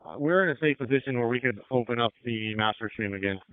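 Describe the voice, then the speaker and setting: A man's voice: mid-range voice, fast talker, clean tone, no echo, narrow, tinny audio. An American man working as a fire officer, giving terse, practical updates in police-radio style over a radio transmission. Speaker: firefighter officer.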